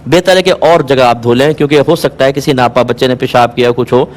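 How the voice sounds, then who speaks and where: A man answering viewers' religious questions on a call-in show, calm and explanatory, asking listeners to check they follow. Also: medium pitch. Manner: calm, explanatory, patient advice; asks rhetorical checks, occasionally amused.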